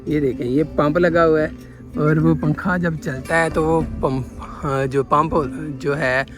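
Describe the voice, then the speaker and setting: A man's voice: fairly high pitch, steady tone, measured pace, music in the background. A man from Pakistan with a Punjabi accent narrating a casual travel vlog, showing and explaining things conversationally as he walks around outdoors. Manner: conversational show-and-tell with repeated pointing phrases. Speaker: travel vlogger. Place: outdoors in a windy rural village.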